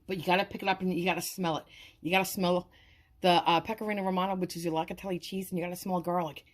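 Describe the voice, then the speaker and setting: A woman with a lowish voice chats through a home cooking demonstration, calling out to her viewers and heaping praise on the food. Her delivery is casual and eager, with frequent fillers. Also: level tone, fast talker. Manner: enthusiastic, repeats "guys" and praise words.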